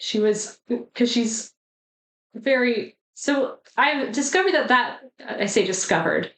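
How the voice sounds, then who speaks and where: Co-hosting a podcast, a woman chats casually about a film, full of fillers and little acted-out lines. Her voice is fairly high and animated, and she takes her time. The room has an echo.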